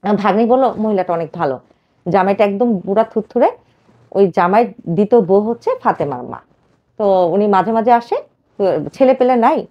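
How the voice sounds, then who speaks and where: A woman in her thirties tells her own life story to a host, fast and emotional, with many fillers. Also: medium pitch, highs cut off. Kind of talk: personal life story told to a radio host.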